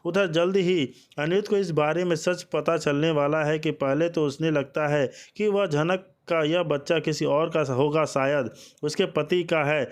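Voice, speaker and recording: A man narrating a recap of a TV serial for viewers, calling them friends and reading out the characters' lines. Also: a little high.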